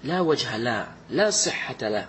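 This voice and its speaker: In an informal religious lesson, a male teacher urges his listeners on, repeating his points often and weaving in Arabic religious terms. He speaks in a mid-range voice at normal speed, very animated and a bit bright, over a little hiss or hum.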